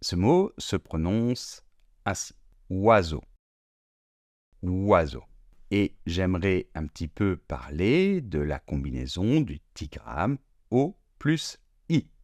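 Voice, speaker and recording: A man teaching French pronunciation slowly and deliberately, drawing out sounds and repeating each word. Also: low voice, big pitch swings, a little mellow, dry recording, studio quality. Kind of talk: slow, careful pronunciation lesson.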